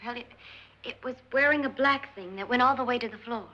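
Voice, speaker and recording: A woman's voice: fairly high pitch, fairly quick, bright, forceful tone, lo-fi sound. An actress in her twenties playing an earnest, anxious young woman in a 1950s horror film. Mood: shaken. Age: 20s. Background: music.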